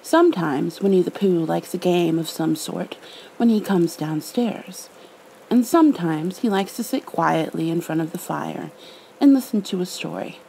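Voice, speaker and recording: A woman with a soft, mellow voice and a gravelly fry, speaking slowly and tenderly in an ASMR bedtime style. Faint rain sits behind her hushed words. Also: lowish voice, lively intonation, poor audio. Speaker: ASMR roleplayer, storybook reader. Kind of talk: ASMR roleplay, soothing bedtime reading. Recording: faint rain-like background noise.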